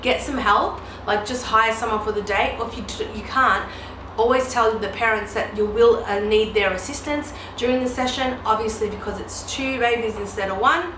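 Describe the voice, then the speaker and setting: Slightly high-pitched and moderately paced, a mid-thirties newborn photographer and educator chats through viewer questions in a laid-back vlog. Ums and you-knows crop up often. The recording carries room echo and a steady background hum.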